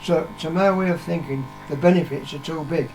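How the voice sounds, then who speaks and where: The vlogger's father, an older British man, has a fairly high, slightly mellow voice and a brisk pace. Casual and blunt, he states his views plainly, swearing and repeating points for emphasis. Soft music sits behind the rough recording.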